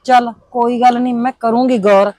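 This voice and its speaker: A woman's voice: on the high side, fairly even intonation, a little fast, dark tone, dry recording, lightly acted. A woman playing a village headman's worried wife, with a Punjabi accent, complaining about her husband. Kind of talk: village comedy drama.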